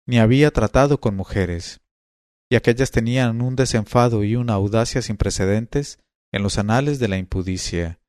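A man's voice: medium pitch, darkish tone, no echo, clean studio sound. Man reading a storybook tale. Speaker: narrator.

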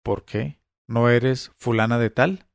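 A man reading the lines of a mysterious woman on the phone who sounds calm, ironic and defiant. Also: medium pitch, takes it slowly, vocal fry, no room sound, studio quality.

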